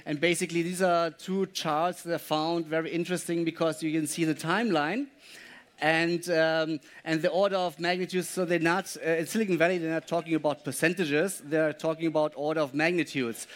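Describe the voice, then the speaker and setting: Smooth-voiced, hesitant male presenter. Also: a little high, a little fast. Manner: relaxed, hesitant, lots of filler words. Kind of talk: lecture presentation.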